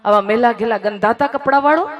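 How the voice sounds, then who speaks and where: A woman's voice: fairly high pitch, fairly quick, lo-fi sound, lightly acted. A woman doing a sneering male gate watchman. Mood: scornful. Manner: mocking, contemptuous.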